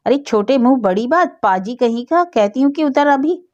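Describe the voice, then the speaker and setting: Woman doing a shrill nagging old grandmother. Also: lively intonation, normal speed, darkish tone, highs cut off. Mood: scolding. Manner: scolding, nagging.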